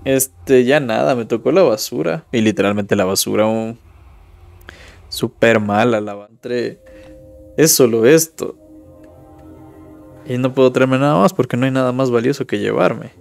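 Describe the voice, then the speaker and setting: A man's voice: medium pitch, measured pace, vocal fry, pauses often, darkish tone, faint music behind. A young man from Ecuador giving casual live commentary while playing a mobile game and chatting with viewers. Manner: casual, chatty, reads viewer chat aloud. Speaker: streamer.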